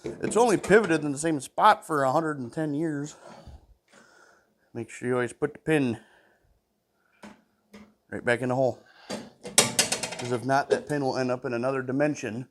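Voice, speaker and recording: Humming between tasks, a man with a blocked nose mutters to himself while pulling apart an old mower in his workshop for his small engine repair vlog. He speaks at normal speed with a medium pitch and frequent pauses, and the clip is very noisy.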